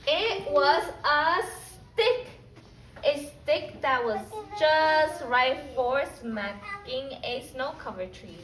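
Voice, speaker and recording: Her voice sits high and a bit bright, expressive, with words drawn out as she teaches young children. This preschool teacher leads a question-driven lesson and a picture book read-aloud, prompting with simple phrases and questions she repeats. The indoor classroom audio is roomy, with a far-off mic and faint background noise.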